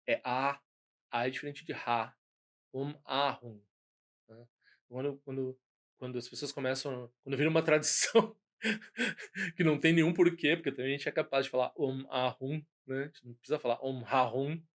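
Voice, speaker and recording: A man's voice: medium pitch, steady tone, normal speed. A man with a Brazilian Portuguese accent giving an informal spoken lesson as a Buddhist teacher, rambling with many restarts and tag questions.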